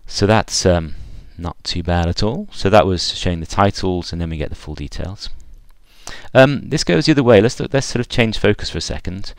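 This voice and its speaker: Very deep-voiced man demoing software. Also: expressive, moderate pace, gravelly, clean tone, dry recording. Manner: thinking aloud with fillers and restarts. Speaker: software developer giving a screencast demo. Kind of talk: unscripted screencast walkthrough.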